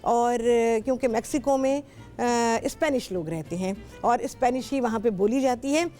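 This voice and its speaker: A woman's voice: fairly high pitch, expressive, normal speed, dark tone, faint music behind. A middle-aged woman with a Pakistani Urdu accent, hosting a television cooking show and chatting with callers in a talkative, instructive way. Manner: talkative, instructive, repeats herself often. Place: television studio.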